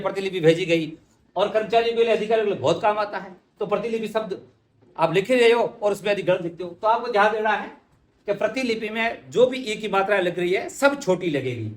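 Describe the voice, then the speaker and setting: A man's voice: sits high, fairly quick, reverberant. A man teaching spelling for exams, patiently repeating words and answering his own questions. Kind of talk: exam-prep lesson.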